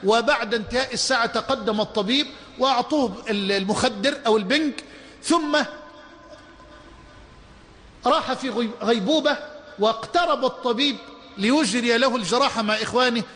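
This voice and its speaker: A man with an Egyptian Arabic accent preaching a sermon, fervent and slowing to repeat key sayings for emphasis. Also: extremely high pitch, fairly bright tone, in a large hall.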